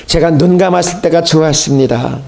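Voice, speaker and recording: A man's voice: on the high side, a little fast, gravelly, darkish tone, pitched below the performer's own voice. A man preacher voicing a bitter, complaining man who was once blind.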